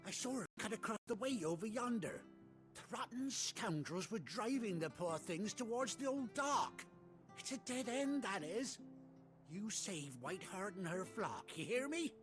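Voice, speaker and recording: A chatty village local. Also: male voice, high voice, a little slow. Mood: excited. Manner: folksy, colloquial, animated. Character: rustic village man, chatty and excitable. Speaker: game character. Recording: game audio with loud music. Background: game music.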